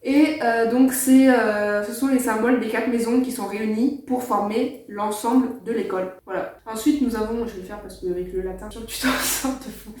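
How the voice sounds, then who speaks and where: A woman's voice: fairly high pitch, steady tone, normal speed, few pauses, a little mellow, slight background noise. A woman hosting a casual chat, hesitant and full of "euh" fillers, laughing now and then. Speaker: host. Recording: echoey room, distant mic.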